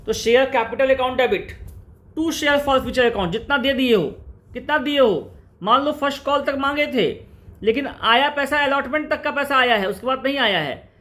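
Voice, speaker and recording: Guy teaching accounts, repeats stuff a lot, slows way down on terms, quizzes students as he goes. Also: extremely high pitch, a bit bright. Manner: repetitive, drilling, slows right down to spell out key terms; calls on students directly, rhetorical questions. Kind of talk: classroom-style lecture in Hindi-English mix.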